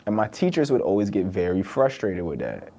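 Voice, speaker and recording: Lowish-voiced man musing casually. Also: sing-song, a little fast, gravelly, mellow. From born in the UK, raised in Virginia. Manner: conversational, loose, with frequent "like" and "right?". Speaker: podcast host. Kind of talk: casual solo monologue.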